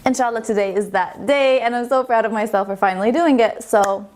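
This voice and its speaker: A woman's voice: a little high, fairly quick, darkish tone. A young adult woman, telling her personal story to camera in a chatty, rambling, self-deprecating way. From Estonia. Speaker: vlogger.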